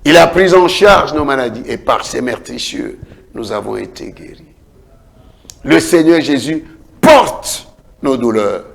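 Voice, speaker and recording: A man preaching a sermon as a prophet, declaiming in a repetitive cadence and swinging from loud calls to hushed lines. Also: mid-range voice, animated, measured pace, vocal fry, pauses often. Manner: dramatic preaching with big swings between shouts and hushed lines.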